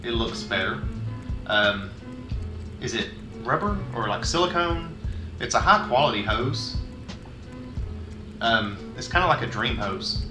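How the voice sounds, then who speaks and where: A man's voice: medium pitch, expressive, a little slow, long pauses. A man chatting casually as he co-reviews a product. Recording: distant mic, roomy echo, music behind. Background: music.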